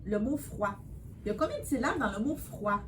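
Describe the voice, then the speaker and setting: A woman tutoring a child in spelling, patient and encouraging, sounding out words slowly. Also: on the high side, lively intonation, slight background noise. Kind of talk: one-on-one spelling lesson.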